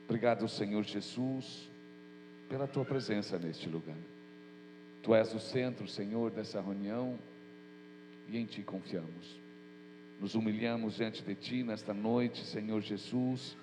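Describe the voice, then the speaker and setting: Speaking a little slowly in a voice on the low side, this man preaches as a pastor, earnest and informal, and sounds nasal and congested from a cold. It's a prayer and sermon recorded in a church hall that echoes, with mains hum audible.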